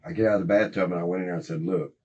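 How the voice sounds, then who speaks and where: A man's voice: sits low, fairly even intonation, racing, a little mellow, slightly rough. A middle-aged man, rambling and swearing as he recounts events in a recorded police interrogation. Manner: rambling, profane, agitated recounting. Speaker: interrogation suspect. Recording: muffled interrogation room recording.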